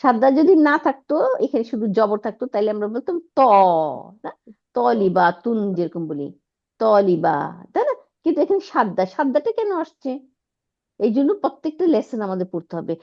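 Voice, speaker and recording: A woman's voice: fairly high pitch, big pitch swings, a little fast. A woman teaching Arabic grammar, explaining step by step and often asking her students whether they follow. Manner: checks understanding with frequent rhetorical questions. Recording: dull lo-fi audio.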